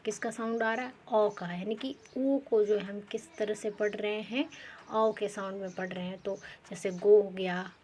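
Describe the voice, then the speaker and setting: A woman teaching pronunciation rules, repeating examples and asking herself rhetorical questions, often pausing with fillers and correcting herself. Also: medium pitch, a little mellow, a little hiss or hum. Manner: slow, repetitive, quizzes with rhetorical questions; frequent fillers and self-corrections.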